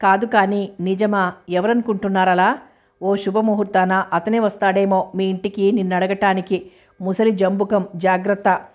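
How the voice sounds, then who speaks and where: A woman's voice: medium pitch, little pitch movement, moderate pace, darkish tone, natural voice. A woman voicing a young female friend who talks in a teasing, reassuring way.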